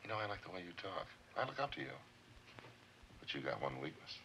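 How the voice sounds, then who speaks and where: A man playing a bitter, vengeful diner cook who talks in a rough, sneering way, in 1950s film noir acting. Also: deep voice, big pitch swings, a little fast, pushed and bright, slight background noise, exaggerated voice, low-quality recording. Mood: needling.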